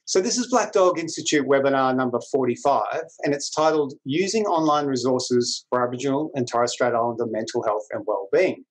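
A man's voice: mid-range voice, fairly quick, hardly any pauses, rough recording. A middle-aged man with an Australian accent, presenting a webinar introduction as moderator in an informal, colloquial way over a video call. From New South Wales, Australia. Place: small indoor office room. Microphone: video call computer microphone.

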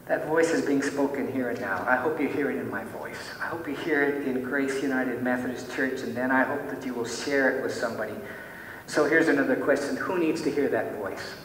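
A man preaching a sermon as pastor, posing many rhetorical questions and dropping to soft, quiet tones. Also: fairly quick. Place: church sanctuary. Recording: echoey church hall, mic from far off, faint rumble.

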